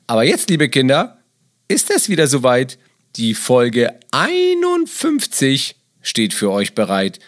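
A man's voice: mid-range voice, huge pitch swings, slow pace. A man voicing a cheerful puppet clown who hosts a children's podcast in an exclaiming, sing-song kids show manner. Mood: cheerful, excited. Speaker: podcast host.

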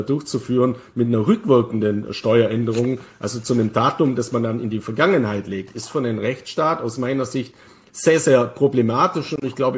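A man hosting a crypto finance talk, explaining tax rules in a measured way with frequent fillers and restarts. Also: medium pitch. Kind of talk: casual discussion commentary.

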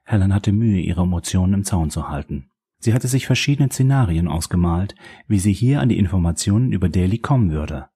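Low, husky male audiobook narrator. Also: expressive, fairly quick, dark tone. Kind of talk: scripted narration of a crime novel.

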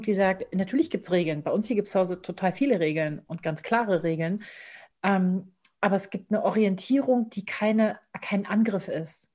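A woman speaking as a parenting expert guest in an interview, talking in a lively way and acting out scenes. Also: mid-range voice. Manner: lively, acts out scenes and sounds. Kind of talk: conversational interview.

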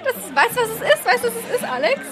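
Comedy sketch: actress playing a pushy, gushing lady, very high and lively, music underneath. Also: very fast, crowd noise. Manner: loud, gushing, giggly, keeps saying "ne?". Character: loud, overbearing, chatty woman, middle-aged.

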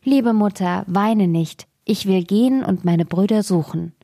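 A woman voicing a brave, tender-hearted young princess in a fairy tale, speaking softly with a pleading tone. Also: medium pitch, unhurried, no echo, studio quality.

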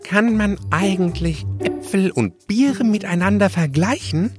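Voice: mid-range voice, measured pace, pitched above the performer's own voice, close to an everyday voice. A performer voicing a plaintive, bewildered beer buddy in a radio ad, narrating the scene too. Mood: whiny. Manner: jumpy, plaintive, sing-song. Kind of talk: radio ad dialogue. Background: music.

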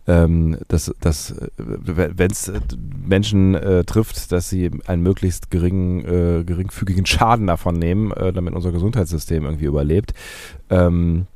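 A man with a very low, dark voice hosts a casual podcast, stuffed up with a head cold. He speaks in a halting, stumbling way, recorded close and dry. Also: fairly even intonation, no echo. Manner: hesitant, halting, many stammered restarts. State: congested with a cold, blocked nose, sore throat. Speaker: podcast host. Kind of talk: casual chat.

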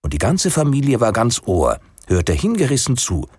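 A man's voice: normal speed, breathy edge, no room sound, clean studio sound. A man reading a literary story aloud, lifting his voice for the quoted lines. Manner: lively, raises pitch for quoted speech. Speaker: narrator.

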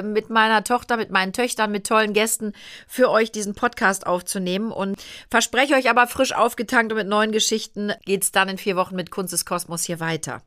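A woman's voice: mid-range voice, fairly bright tone. A middle-aged woman hosting a podcast in casual chat, talkative and teasing, laughing often. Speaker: podcast host.

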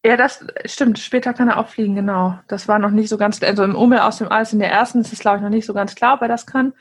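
A woman reading a children's book aloud with lively asides to listeners, then chatting casually about it. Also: medium pitch, quick pace, husky.

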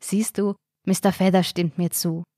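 A woman voicing a young man in an audio story, talking softly and reassuringly. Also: fairly low pitch, flat delivery, normal speed, dry recording, clean studio sound, close to an everyday voice. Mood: soothing. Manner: soft, reassuring. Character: young man, soothing then shouting.

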